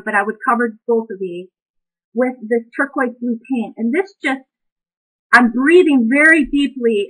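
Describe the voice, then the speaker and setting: A woman demonstrating a craft project, calmly talking through each step as she works and reflecting as she goes. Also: on the high side, poor audio. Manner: calm, reflective, unhurried.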